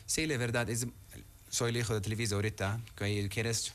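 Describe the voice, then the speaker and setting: A man with an Arabic accent, whose first language is Arabic, appears as a guest in a casual interview. He speaks haltingly in non-native phrasing, pausing often. His voice is lowish and fairly bright, with little pitch movement.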